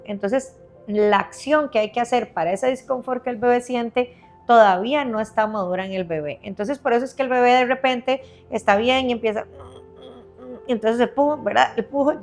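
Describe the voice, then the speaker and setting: A woman specialist patiently explaining baby health on a podcast, step by step, often checking in with her listener. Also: a little high.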